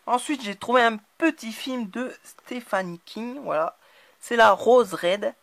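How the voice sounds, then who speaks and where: A woman hosting her own channel, talking casually through a haul of new purchases, often hesitating and filling pauses. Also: a little high, no echo. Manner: hesitant, constant filler words. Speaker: channel host. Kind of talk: casual DVD haul talk to camera.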